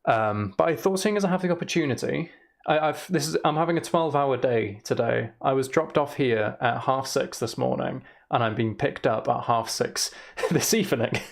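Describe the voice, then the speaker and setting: Creaky young man streaming in an echoing room. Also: mid-range voice, normal speed. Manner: rambling, chatty. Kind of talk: casual livestream chat. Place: emptied room in a house, indoors. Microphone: microphone attached to a shelf.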